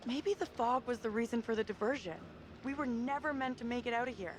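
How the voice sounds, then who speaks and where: Horror game role: actress as young woman, sardonic, on edge, higher register, noisy ambience behind. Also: a little fast, natural voice. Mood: grim. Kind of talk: video game voice acting.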